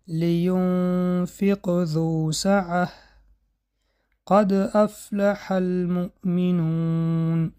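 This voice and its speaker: Measured tajweed teacher. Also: mid-range voice, mellow. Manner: measured, demonstrates letter sounds slowly and drawn out. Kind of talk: instructional explanation.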